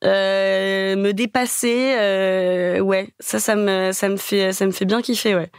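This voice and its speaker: A woman's voice: mid-range voice, fairly even intonation, takes it slowly, smooth, no room sound. A young woman chats candidly as a podcast guest, her speech full of little hesitations. Her voice sits in a middling register. The recording is dry and close, with no room sound. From Paris, France. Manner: candid, chatty, many fillers. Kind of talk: casual interview chat.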